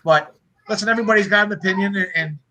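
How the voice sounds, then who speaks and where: A man's voice: high-pitched, racing, pushed and bright, low-quality recording. A man co-hosting a hockey podcast, talking casually in a rambling, profane way with lots of restarts. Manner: swears freely, rambling restarts. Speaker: podcast co-host.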